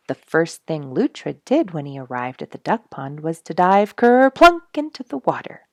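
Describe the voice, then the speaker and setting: Reading a children's story aloud, this woman, a storybook reader and host, has a low voice with a touch of gravel. Her pitch moves a great deal and she stresses the playful words with expressive delivery. The sound is close, dry, and free of echo.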